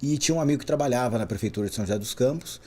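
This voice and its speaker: A Brazilian man in his forties, a traffic safety specialist, appears as a guest on a podcast in a relaxed storytelling interview. His mellow, slightly husky voice sits at a medium pitch. He recounts his story in a lively, chatty way, frequently dropping in a quick "né?" to check in.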